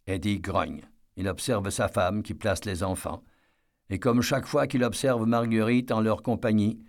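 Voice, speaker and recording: A man narrating a novel as an audiobook, in a measured storytelling manner. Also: fairly low pitch, darkish tone.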